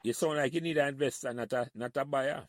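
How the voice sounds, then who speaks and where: A man's voice: medium pitch, fast, no room sound. A Jamaican man co-hosting a podcast, chatting casually in patois and laughing often.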